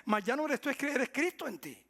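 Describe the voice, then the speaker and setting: High-voiced gravelly pastor preaching. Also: male voice, animated, fast. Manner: call-and-response questions to the congregation; swings from loud emphatic preaching to soft near-whispered asides. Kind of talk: sermon.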